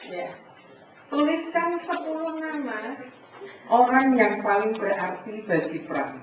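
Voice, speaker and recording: A woman giving a preaching talk to a congregation, animated, acting out conversations and often addressing her listeners directly. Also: a little high, slow pace. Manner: animated, acts out dialogue, keeps addressing the listeners. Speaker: speaker at a church family fellowship. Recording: echoey hall from far off, dull sound, faint noise.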